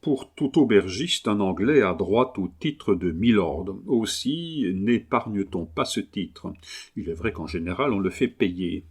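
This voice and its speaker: A man narrating a memoir aloud in a measured, expressive reading. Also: lowish voice, breathy edge. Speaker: audiobook reader. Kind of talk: scripted narration.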